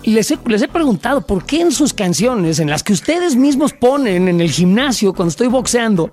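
A man's voice: high voice, sing-song, moderate pace, darkish tone, faint music behind. A middle-aged man with a Mexican accent, co-hosting a casual debate chat, emphatic and full of fillers as he tells stories. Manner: emphatic, storytelling with many fillers. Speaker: podcast co-host.

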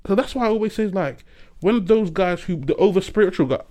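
A man co-hosting a casual chat, animated, laughing often, pressing his points with a preacher's emphasis. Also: high-pitched, a little fast.

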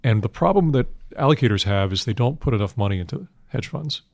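An older man answering interview questions on finance in a measured, matter-of-fact investment banker manner, heavy with industry jargon. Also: mid-range voice, animated, gravelly, no echo. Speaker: institutional investment manager being interviewed.

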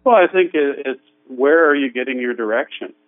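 A man's voice: a little fast, no echo. Man on a thin, tinny phone line. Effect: thin phone-line voice with no bass. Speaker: regular co-host calling in. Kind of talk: casual radio talk.

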